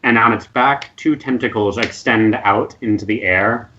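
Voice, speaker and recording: A man narrating as game master of a tabletop game, in a relaxed, hesitant way with fillers. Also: on the low side, normal speed, lo-fi sound, slight background noise.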